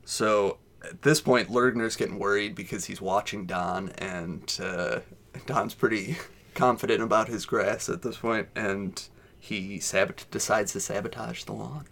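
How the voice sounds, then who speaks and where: Low, creaky-voiced man recapping casually. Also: fairly even intonation, unhurried, a bit bright. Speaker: podcast co-host. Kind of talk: casual episode recap chat.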